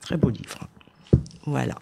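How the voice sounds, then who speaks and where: A woman's voice: slow pace, heavy background noise. A woman talking about a novel in a casual chat, hesitant and full of fillers. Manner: hesitant, many fillers like "voilà" and "euh". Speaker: book reviewer on a radio show.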